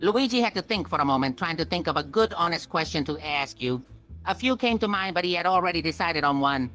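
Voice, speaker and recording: A woman reading a chatbot's story text aloud in an even, storybook way. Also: lowish voice, brisk, soft background music.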